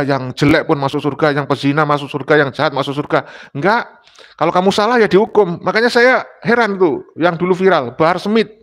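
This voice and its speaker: His voice is a little high with a fairly bright tone. He's an Indonesian man on a discussion panel, speaking emphatically in a lecturing way and going back over his points.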